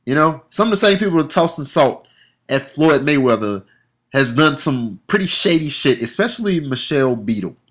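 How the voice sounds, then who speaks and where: Male sports vlogger, bright sharp voice, blunt and heated, swears freely. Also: on the high side, very animated, normal speed. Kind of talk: opinionated casual monologue.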